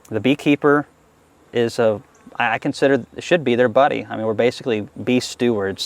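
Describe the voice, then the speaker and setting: A man being interviewed as a beekeeper, chatting easily and enthusiastically while he works a hive outdoors. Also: mid-range voice. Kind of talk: casual interview answers while working a hive. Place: outdoors at a beehive.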